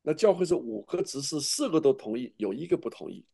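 Male pastor, middle-aged, earnest heartfelt sermon, dark mellow tone, frequent restarts. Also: mid-range voice, big pitch swings, a little fast, vocal fry, husky.

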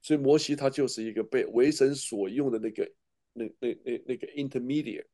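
A man's voice: medium pitch, fairly quick, dark tone. A middle-aged man, a pastor, preaching a sermon with earnest, emotional testimony and frequent restarts.

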